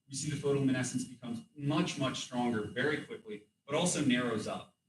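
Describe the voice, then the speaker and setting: A man giving an academic thesis defense in a hesitant, hedging way, often pausing and correcting himself. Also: mid-range voice, a bit bright. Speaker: doctoral candidate presenting research. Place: room with audible echo. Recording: roomy echo, distant mic, background noise.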